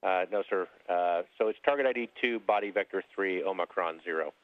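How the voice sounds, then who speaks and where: A man speaking as a mission control capcom over a space-to-ground radio link, relaxed and polite with precise number calls. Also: low voice, a little fast, slight background noise. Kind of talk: terse air-to-ground radio exchange. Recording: narrow dry radio loop.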